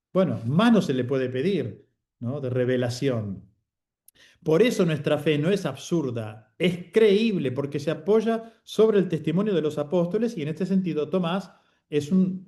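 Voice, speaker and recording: A man's voice: fairly high pitch, dark tone. A man teaching a Bible course, explaining patiently and often checking in with short tag questions.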